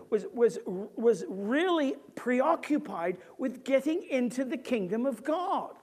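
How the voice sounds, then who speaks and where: A woman's voice: fairly high pitch, darkish tone. A woman preacher giving a sermon, explaining scripture emphatically with conversational asides to the congregation.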